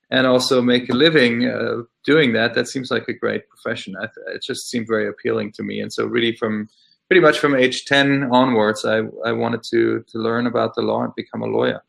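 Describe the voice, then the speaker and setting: Interview guest, middle-aged man from Austria, gravelly, hesitant, lots of fillers. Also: medium pitch, a bit bright. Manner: thoughtful, hesitant with many fillers. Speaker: interview guest, law scholar. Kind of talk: casual interview.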